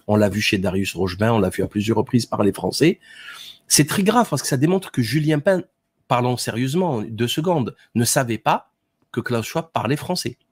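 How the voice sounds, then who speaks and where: A man's voice: medium pitch, very animated, normal speed, breathy edge, no echo, clean studio sound. A man giving sarcastic, mocking commentary on a live stream.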